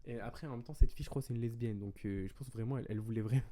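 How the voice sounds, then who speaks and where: A young man from France telling a story in a casual, animated vlog style, quoting the people in it. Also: mid-range voice, racing, crowd noise. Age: young adult. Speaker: vlogger.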